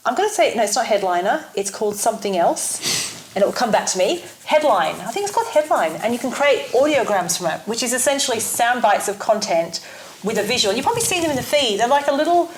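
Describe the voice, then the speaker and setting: A woman's voice: on the high side, lively intonation, quick pace, roomy sound, a little hiss or hum, rough recording. Woman co-host, casual and talkative, self-teasing, explains with restarts. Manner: chatty, self-teasing, laughs often. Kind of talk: casual advice chat.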